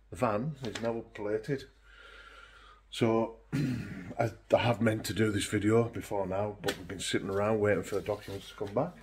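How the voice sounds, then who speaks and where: In a casual how-to vlog filmed in his home kitchen, a middle-aged van life vlogger talks viewers through things in a chatty, matter-of-fact manner. His male voice is slightly low with a darkish tone, throaty from a chest infection, and the recording has a little hiss or hum.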